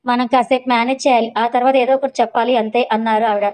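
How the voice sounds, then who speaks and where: A woman voicing a calm middle-aged mother in a spoken story, explaining patiently and gently pleading. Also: a little high, racing, natural voice, low-quality recording.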